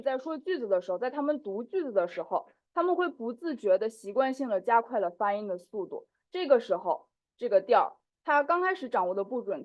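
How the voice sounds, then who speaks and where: A woman teacher giving a conference talk, explaining at a steady pace with small fillers. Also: on the high side. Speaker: conference speaker, Chinese teacher. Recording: dull lo-fi audio.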